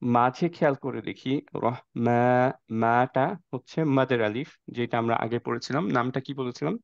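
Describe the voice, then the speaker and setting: A man's voice: mid-range voice, fairly even intonation, moderate pace, vocal fry, no echo, lo-fi sound. Man teaching Quran reading, asking students questions. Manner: explains patiently, asks students questions; mixes English words into speech. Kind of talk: classroom lecture.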